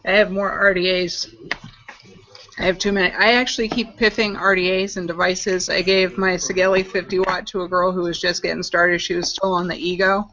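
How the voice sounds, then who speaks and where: A woman's voice: lowish voice, level tone, fairly quick, a bit bright, muffled recording, a little hiss or hum. A woman chatting casually on a live stream as a guest, explaining a coil build as she works. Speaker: guest e-juice maker demonstrating coil builds.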